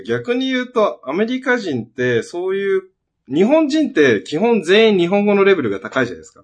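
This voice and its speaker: Co-host, male, husky, lively delivery, relaxed talk. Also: fairly high pitch. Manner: animated, storytelling, rising for emphasis. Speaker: podcast co-host. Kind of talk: casual chat.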